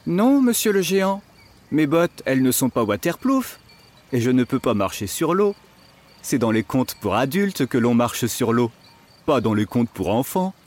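A man narrating a children's story in a playful, expressive way as an inventor teacher. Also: mid-range voice, moderate pace.

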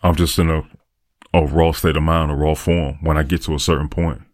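A man's voice: very deep voice, level tone, fairly quick, a little mellow, no room sound, clean studio sound. A man talking through a reflective, earnest podcast monologue, repeating phrases for emphasis. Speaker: podcaster and aspiring motivational speaker.

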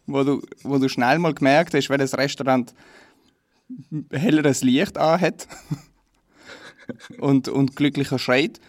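A man's voice: mid-range voice, steady tone, slow pace, long pauses, no echo. A young man with a Swiss German accent, telling dry, self-deprecating stories in casual chat. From Switzerland.

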